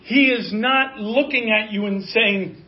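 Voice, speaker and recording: A man's voice: high-pitched, takes it slowly. Earnest preacher man in his fifties. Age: 50s. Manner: earnest, conversational preaching with rising emphasis. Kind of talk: sermon. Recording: dull lo-fi audio.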